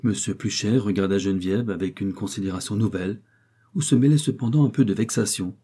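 A man narrating a novel as an audiobook in a measured, even storytelling manner. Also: on the low side, husky.

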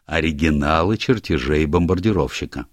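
Man reading stern older male minister, curt, commanding, very low voice, dry sound. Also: normal speed, no echo. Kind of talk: audiobook character voice.

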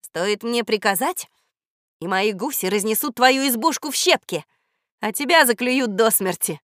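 A woman voicing a stern, wise old female wild goose who leads her flock, speaking loudly and with measured authority. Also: on the high side, animated, dry recording, studio quality. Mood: commanding. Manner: commanding, loud and measured. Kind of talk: audiobook character voice.

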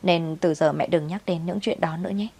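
A woman voicing a gentle young wife who speaks softly and sadly. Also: on the low side, fairly even intonation, a little fast, vocal fry, slightly rough. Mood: subdued. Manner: soft, subdued.

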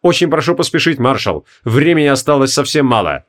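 A man voicing a calm, courteous middle-aged king who speaks in a measured, formal way. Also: mid-range voice, natural voice.

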